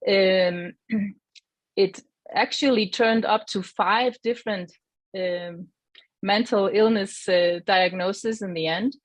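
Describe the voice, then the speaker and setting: An Icelandic woman speaks as a guest, offering a gentle, reflective personal testimony and often searching for her words. Her mid-range voice moves slowly with fairly even intonation, and the recording is dry.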